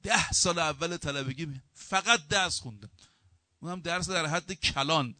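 A middle-aged male cleric delivering a sermon with a forceful, bright-edged voice. He stresses key words loudly, then drops into quieter asides, and weaves humorous anecdotes into his preaching. The sound is dry and close. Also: on the high side, dry recording. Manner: lively storytelling with humor, acting out quoted dialogue; emphatic preaching that shifts between loud stress and quieter asides.

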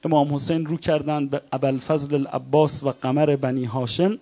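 Impassioned storytelling preacher, a man. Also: steady tone. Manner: chants quoted lines, then retells them plainly; voice swells louder and higher at dramatic peaks. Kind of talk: religious sermon storytelling.

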